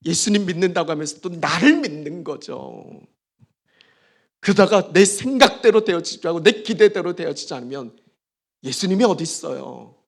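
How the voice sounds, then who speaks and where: A male pastor delivering a Sunday sermon in a slightly high, raspy, gravelly voice. His pitch moves with lively swings, and he leans on dramatic pauses, dropping soft before building back up with emphasis. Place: church service.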